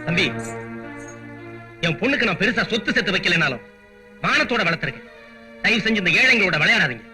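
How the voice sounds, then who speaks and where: A proud, poor father, protective and grave in a film drama. His voice is high for a man and very bright, with wide swings of pitch and soft music underneath. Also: expressive, fast talker, exaggerated voice. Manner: grave, pleading. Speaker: actor in a film. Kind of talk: film dialogue.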